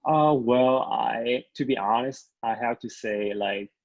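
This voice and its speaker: A young man from China with a Chinese accent, answering as a podcast guest in halting English with many fillers. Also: mid-range voice, no echo, lo-fi sound. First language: Mandarin. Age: young adult. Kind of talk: podcast interview.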